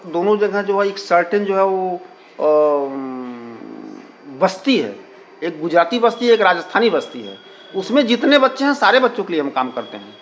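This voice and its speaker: With a high-pitched, sing-song voice at a moderate pace, a community radio station representative gives explanatory interview answers. He's repetitive, peppering his Hindi with English words and filler phrases, and there's a little hiss or hum.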